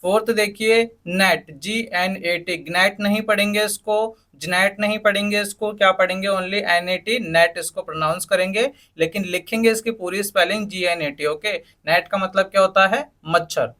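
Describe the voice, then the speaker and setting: A man's voice: sits high, steady tone, normal speed, few pauses, bright, forceful tone. A man teaching English spelling in a lesson, spelling words out letter by letter and asking his students questions he answers himself. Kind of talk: spoken English lesson in Hindi.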